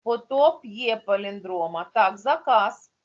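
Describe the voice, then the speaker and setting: A woman's voice: medium pitch, expressive, slow pace, dull audio. A woman teaching a primary school class online, explaining patiently step by step.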